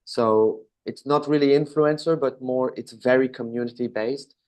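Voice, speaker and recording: Speaking with a Belgian accent, this man in his thirties runs his own business and appears as an interview guest. He answers casually and easily, with fillers and self-corrections, in a mid-range voice at normal speed.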